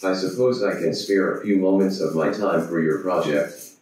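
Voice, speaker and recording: A man's voice: low voice, fairly even intonation, moderate pace, a little mellow, close to an everyday voice. A man voicing a boastful, pompous robot chatbot that adds beep-boop noises, in a very echoey room, far from the mic. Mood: smug.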